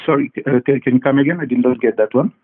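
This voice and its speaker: A man who grew up in Congo answers students' questions in a halting way, full of fillers and repeated words. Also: medium pitch, husky. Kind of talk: casual interview answers. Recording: tinny phone-like line.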